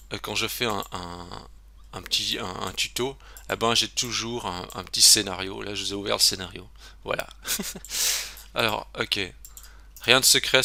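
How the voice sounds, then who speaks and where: A man's voice: fairly low pitch, vocal fry, pushed and bright, dry recording. A man giving a casual screen-recorded web tutorial, chatty and self-interrupting, with lots of fillers.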